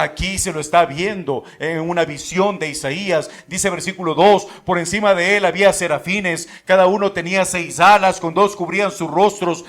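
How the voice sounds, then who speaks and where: High-pitched preacher guy in church, goes from quiet to yelling, really emphatic. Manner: emphatic preaching, swings from quiet to shouted exclamations. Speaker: pastor. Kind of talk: sermon. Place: church sanctuary.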